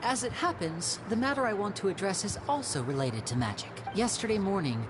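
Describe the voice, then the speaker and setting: A young actor playing a polite, proud stage magician who speaks in a measured, theatrical way in a video game. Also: male voice, sits high, big pitch swings. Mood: polite, poised. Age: young adult. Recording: game audio with music behind.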